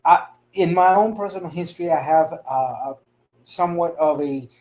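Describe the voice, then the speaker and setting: Halting man from Costa Rica on a panel. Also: fairly high pitch, steady tone, darkish tone, poor audio. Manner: halting, many fillers and restarts. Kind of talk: panel discussion.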